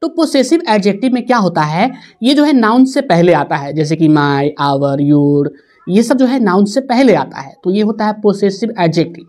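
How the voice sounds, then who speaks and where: A woman teaching an English grammar lesson to students, repeating each example and dictating sentences slowly word by word. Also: medium pitch, animated, darkish tone. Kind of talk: classroom lesson.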